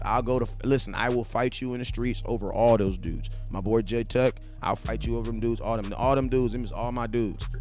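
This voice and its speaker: A medium-pitched, darkish voice belongs to a live-streaming sports fan host in his 40s. He reads viewer comments in relaxed, slangy chat, speaks right to his viewers, and repeats himself to make his points land.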